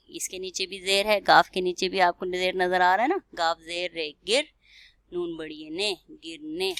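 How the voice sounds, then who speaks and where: A woman teacher with a fairly low voice speaks to small children, sounding out each word slowly letter by letter. She keeps pausing to ask whether they follow. The recording is close and dry, with no room sound. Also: fairly bright tone, no echo. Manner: spells words letter by letter, slows down to sound them out; keeps asking the children questions and checking "okay?". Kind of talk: recorded classroom lesson.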